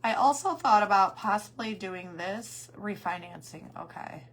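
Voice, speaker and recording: A woman with a hoarse, failing voice that cuts in and out, chatting casually as she hosts a craft livestream and greets her viewers. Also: medium pitch, lively intonation, normal speed, fairly bright tone, low-quality recording. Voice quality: hoarse, voice cutting in and out. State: losing her voice after coughing.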